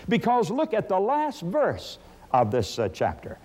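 A man's voice: sits high, wildly swooping pitch, a little slow, warm tone. A man preaching a sermon, emphatic, asking and answering his own questions.

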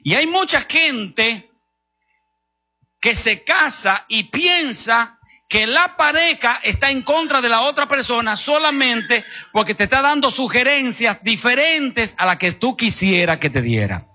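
Man, Dominican accent, middle-aged preacher, high voice, husky edge, joking storyteller. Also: lively intonation, a little slow, sharp tone. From Dominican Republic. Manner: humorous, storytelling, addressing the congregation directly. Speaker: pastor. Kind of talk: sermon.

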